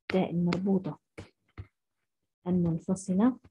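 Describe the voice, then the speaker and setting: Woman teacher. Low, breathy voice, muffled recording, sounds out syllables slowly for first graders. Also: fairly even intonation, dark tone. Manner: slow, syllable-by-syllable sounding out of letters. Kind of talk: first-grade Arabic phonics lesson.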